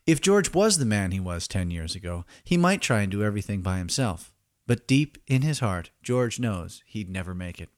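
A man narrating a scripted story as podcast host, in a wry, theatrical, deliberate manner. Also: on the low side, very animated, no echo, studio quality.

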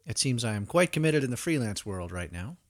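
A man's voice: mid-range voice, sing-song, brisk. A man in his thirties hosting his own podcast, giving a scripted introduction with wry, dry humor. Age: 30s. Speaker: podcast host.

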